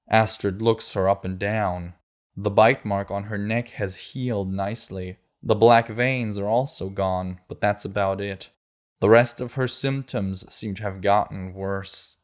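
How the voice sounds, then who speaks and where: Male narrator, audiobook, low voice, measured and steady reading. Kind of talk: scripted narration.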